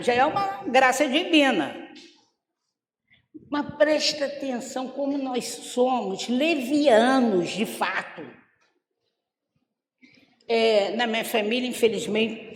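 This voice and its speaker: Older woman, Brazilian accent, spiritist lecture, slow delivery, reverberant hall. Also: high voice. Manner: unhurried, storytelling, acts out quoted speech. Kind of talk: gospel talk with personal stories. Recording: echoey hall.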